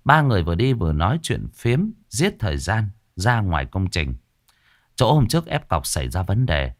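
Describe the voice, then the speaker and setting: A man narrating a ghost story in a lively, expressive storytelling manner. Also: sits low, dry recording, studio quality.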